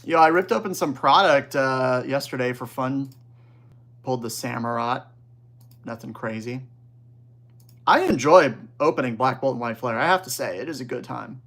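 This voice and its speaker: A young man hosting a casual livestream, reading viewer chat aloud and reacting in relaxed, slangy banter. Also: mid-range voice, normal speed, creaky. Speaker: livestream host.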